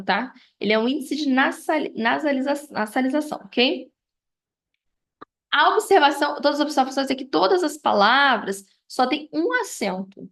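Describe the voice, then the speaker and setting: A woman's voice: high voice, fairly bright tone. A woman, reviewing grammar as a teacher and listing examples one after another with frequent tag questions. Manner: explanatory, lists examples, frequent "né?" and "tá?".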